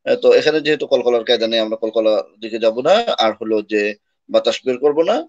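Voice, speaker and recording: A man's voice: mid-range voice, darkish tone. Man teaching Quran pronunciation, chanting syllables. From Bangladesh. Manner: explains articulation patiently, then chants drawn-out Arabic syllables. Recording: slightly dull lo-fi audio.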